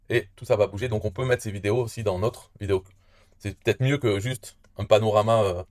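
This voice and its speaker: A man's voice: on the low side, darkish tone, no echo, clean studio sound. A man talking through a casual screen tutorial, hesitant, with frequent fillers and restarts. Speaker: tutorial presenter.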